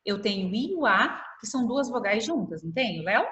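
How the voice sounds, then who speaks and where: A patient Brazilian woman teaching young children over a video call, her voice fairly high and lively as it rises and falls through each explanation. She draws out words slowly to show their sounds, and the laptop mic picks up a lot of room echo. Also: highs cut off. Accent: Brazilian Portuguese. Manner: patient, stretches words slowly to spell them out. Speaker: primary school teacher. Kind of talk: online class explanation. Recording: echoey video-call audio.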